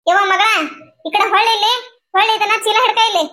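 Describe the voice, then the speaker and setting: A woman voicing a sharp-tongued, stingy old mother-in-law in a cartoon, nagging and scolding in a North Karnataka Kannada accent. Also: extremely high pitch, fairly even intonation, fast. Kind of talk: cartoon voice acting.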